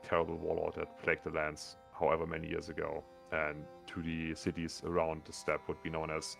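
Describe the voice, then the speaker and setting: A man with a low, gravelly, sonorous voice running a tabletop game as game master, rambling with many fillers.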